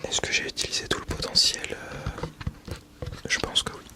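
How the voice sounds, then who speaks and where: A man whispering breathily in a casual ASMR style, chatting about products with a tongue-in-cheek, mock-solemn manner into a small wireless mic. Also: normal speed. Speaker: ASMR video creator. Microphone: small clip-on wireless mic being tested.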